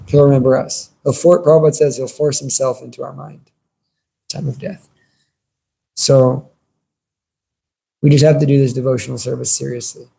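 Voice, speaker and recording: A man with a husky, creaky voice gives an informal devotional sermon. His tone is soft-edged and mellow, and he talks in a conversational, earnest way, like a teacher addressing a class. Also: mid-range voice, fairly even intonation, moderate pace, pauses often, rough recording. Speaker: religious teacher giving a class.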